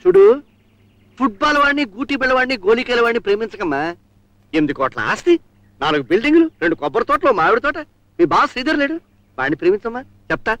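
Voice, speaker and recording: An actor playing a blustering, scheming rich middle-aged father in a 1980s film, loud, with a catchphrase he keeps repeating. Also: very high-pitched, sing-song, quick pace, dry recording, exaggerated voice.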